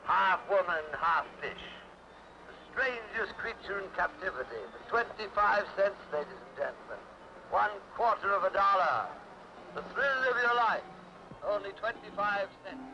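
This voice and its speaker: An actor playing an older sea captain who doubles as a carnival barker, with a smooth, courtly manner. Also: male voice, expressive, measured pace, long pauses, background noise. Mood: barking. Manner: smooth, courtly, then booming showman pitch. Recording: dull 1960s film soundtrack.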